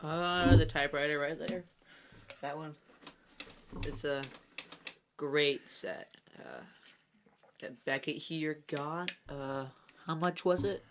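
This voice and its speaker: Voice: medium pitch, steady tone, takes it slowly, pauses often, background noise. A podcast co-host in casual chat, hesitant and full of fillers, slipping in jokes. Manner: hesitant, filler-heavy, jokey.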